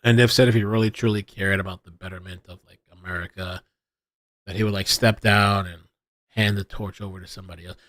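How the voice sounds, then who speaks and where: A man's voice: low-pitched, fairly even intonation, a little fast, fairly bright tone, dry recording, studio quality. A man hosting a casual live stream, thinking aloud with lots of restarts and reading viewer chat. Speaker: livestream host.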